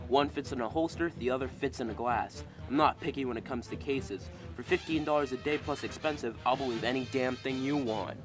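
A man's voice: mid-range voice, a little fast, few pauses, natural voice. A man playing a cynical hard-boiled private eye narrating. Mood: wry. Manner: wry, world-weary. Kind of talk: noir voice-over narration. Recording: music behind.

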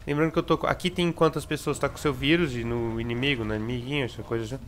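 Excitable Brazilian man commenting gameplay. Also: mid-range voice, fast talker, slight background noise. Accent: Brazilian Portuguese. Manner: excitable, repeats words, sudden shouts. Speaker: gameplay streamer.

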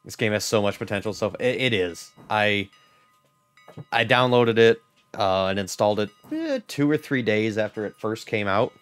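A man's voice: on the low side, very animated, normal speed, a bit bright, clean tone, soft background music. A man giving chatty, joking commentary on a live gameplay stream and greeting viewers. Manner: joking, chatty, talks to chat. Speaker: game streamer.

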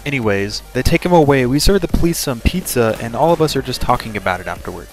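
A man's voice: mid-range voice, animated, quick pace. A man narrating a casual comedic story in a sarcastic manner. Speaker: storytelling gaming video narrator. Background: music.

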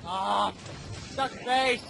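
A young man playing an online fighting game with friends, loud and exclaiming, swearing often. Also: sits high, drawn-out words, gravelly. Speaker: player in online match. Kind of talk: excited gaming chatter. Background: game music.

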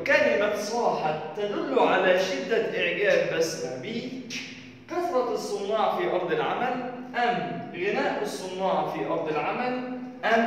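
A man with a high voice teaches a children's lesson, reading each question slowly and then stating its answer. He sounds distant from the mic, and his voice rings in a very echoey, reverberant room. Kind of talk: school lesson, reading out textbook exercises. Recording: echoey hall from far off.

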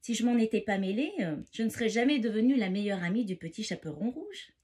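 A woman doing a bold, quick-talking brave girl. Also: a little high, expressive, a little mellow, slightly rough. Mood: cheerful. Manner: quick, determined and firm. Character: bold brave girl who takes charge.

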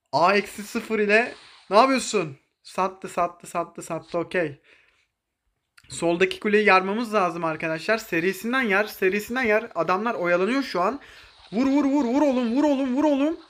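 A young man with a high-sitting voice livestreams a mobile game, commentating in an excitable, joking way, barking orders at teammates and throwing in English exclamations.

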